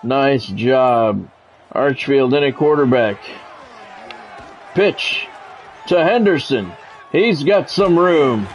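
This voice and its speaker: Expressive yet slow and pausing often, a middle-aged gamer with a mid-range voice calls a football video game like a radio announcer. He uses clipped phrases and informal asides. The audio is dull, with a faint crowd and a little hiss or hum in the background.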